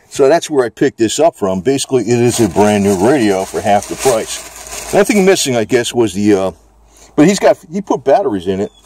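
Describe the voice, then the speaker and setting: An American man with a lowish, darkish voice reviews a product off the cuff. His unscripted chat is casual, rambling, and plain-spoken, with some mild swearing.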